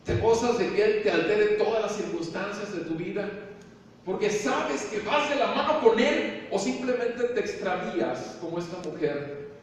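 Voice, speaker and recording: High-voiced Mexican pastor preaching. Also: male voice, lively intonation. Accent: Mexican Spanish. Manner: preaching with rhetorical questions, soft and slow at times. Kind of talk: sermon. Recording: echoey hall from far off, faint room noise.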